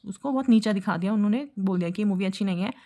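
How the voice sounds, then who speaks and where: A woman's voice: medium pitch, rapid-fire, dark tone. A young woman teaching vocabulary for exam preparation, explaining each word with a memory trick and a short made-up story. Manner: explains word tricks with little stories, acts out quotes. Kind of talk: exam-prep vocabulary lesson.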